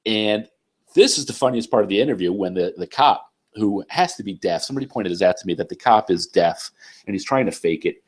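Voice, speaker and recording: A man with a cold and a nasal voice, casually reading and bluntly answering viewer comments on his channel, clearing his throat often. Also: low voice. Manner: blunt, profane, conversational, frequent throat-clearing. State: congested, sick with a cold.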